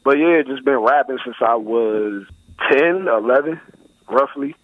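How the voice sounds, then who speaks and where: A nineteen-year-old rapper from Buffalo, New York, talks about his music over the phone as an interview guest, laid-back and full of slang. His medium-pitched voice moves at a measured pace, and the tinny line sounds dry with no echo.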